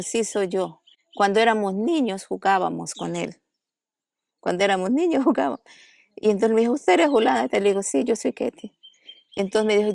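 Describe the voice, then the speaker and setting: A woman pastor from the Amazon jungle tells her testimony in an interview, acting out the voices in the dialogue she recalls. Her voice is heavily gravelly and sits on the low side. The sound is dry and close. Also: darkish tone, dry recording. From Amazon jungle region. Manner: storytelling that acts out quoted dialogue. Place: a family house in an Amazon jungle village.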